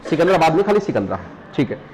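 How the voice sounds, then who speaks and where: His fairly high, slightly mellow voice races along in a sing-song rhythm, captured on poor audio with slight background noise. He's a teacher from Uttarakhand's hills with a Pahari lilt to his Hindi, giving a live exam revision class where he repeats points, asks students questions, calls them "beta," and jokes and laughs.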